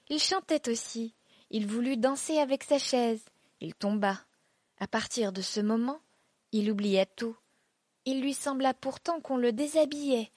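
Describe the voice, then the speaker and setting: A woman narrates a classic tale in a measured, expressive way, her voice a touch high. The recording is close and dry, with no room around it. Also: dry recording. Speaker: audiobook narrator. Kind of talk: scripted narration of a classic story.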